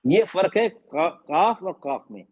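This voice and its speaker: A man teaches an online class in a fairly high voice, explaining patiently and going over each point again. He slips English phrases into his talk. The sound is muffled, as over a video call. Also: lively intonation, unhurried. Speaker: tajweed teacher.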